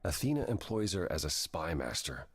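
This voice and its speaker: A dramatic male god in a game. His voice is very deep and husky, and it rises and falls widely. He talks in a measured, evasive way. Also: big pitch swings, heavily acted. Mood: guarded.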